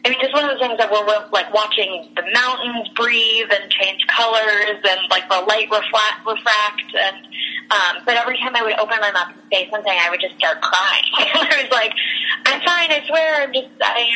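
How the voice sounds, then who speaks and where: Young woman with a bright sharp voice, rambly storytelling, lots of likes and restarts, laughs a lot. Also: medium pitch, steady tone, normal speed, slight background noise, poor audio. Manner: rambling, many fillers and restarts; laughs through her story. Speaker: guest telling a personal story. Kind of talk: casual anecdote telling.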